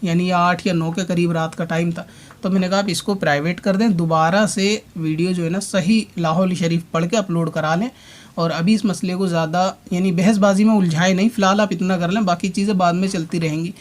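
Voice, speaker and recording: High-pitched, flat-voiced man arguing a rebuttal. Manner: argumentative, addresses his opponent directly; explains at length with repeated points. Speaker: religious online commentator. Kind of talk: spoken rebuttal monologue.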